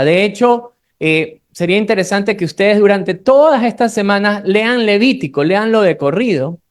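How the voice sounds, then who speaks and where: A preacher from Ecuador with a Guayaquil accent, giving a Bible study sermon, reading scripture slowly and adding friendly asides to the congregation. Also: medium pitch. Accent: Guayaquil Ecuadorian Spanish. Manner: slows down when reading scripture aloud, conversational asides to the congregation.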